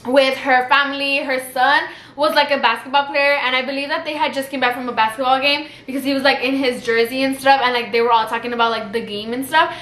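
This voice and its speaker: A woman's voice: high voice, steady tone, fast, few pauses, fairly bright tone, roomy sound. A young adult woman from South Texas telling a casual storytime vlog, chatty and heavy with "like" fillers. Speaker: vlogger.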